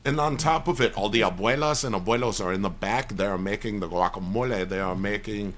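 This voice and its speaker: Low-voiced man telling a rowdy story. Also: a little fast, slight background noise. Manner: profane, animated storytelling with quoted voices. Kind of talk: casual storytelling on a gaming stream.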